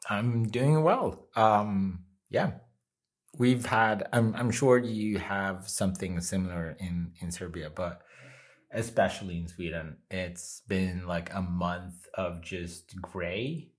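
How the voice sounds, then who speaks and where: A man from Finland talks as a podcast guest in an unhurried, reflective way. His voice sits very low, and he lets his sentences come out slowly. He often pauses with small fillers while he thinks. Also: fairly even intonation. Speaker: guest, designer. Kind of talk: casual interview talk. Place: home, in Sweden.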